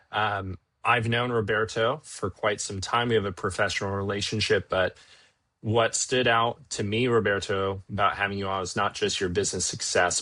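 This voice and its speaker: A male podcast host with a very low voice, recorded dry and close to the mic. He delivers a polished intro, then moves through his questions briskly. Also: a bit bright, no echo. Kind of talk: podcast interviewing.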